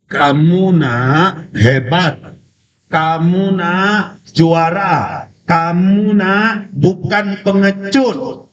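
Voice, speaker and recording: A man's voice: on the high side, lively intonation, measured pace. A man doing a coaxing patient father. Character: patient father teaching his son. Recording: distant, echoey, dull sound.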